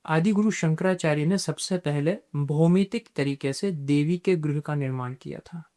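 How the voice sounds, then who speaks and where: A man speaks as a podcast guest, explaining spiritual practice in a measured, teacherly way. His voice sits a little high for a man. He drops English terms into his talk as he goes. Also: dark tone.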